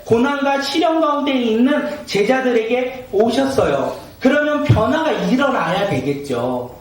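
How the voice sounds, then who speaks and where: High, lively male pastor preaching. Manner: rhetorical questions, leads congregation in reading. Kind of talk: sermon. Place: church sanctuary. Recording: roomy echoey sanctuary, mic at a distance, faint noise.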